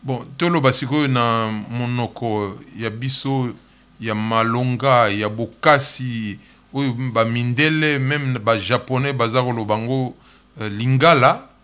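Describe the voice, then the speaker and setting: A man's voice: medium pitch, slow pace, a bit bright, clear, resonant tone. A male journalist asking questions in an interview, hesitating with many fillers between his words.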